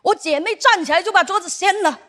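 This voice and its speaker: A woman's voice: very high voice, quick pace, fairly bright tone. A young woman performing a stand-up set, telling stories and acting out the lines of the people in them. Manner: storytelling with acted-out dialogue. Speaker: stand-up comedian.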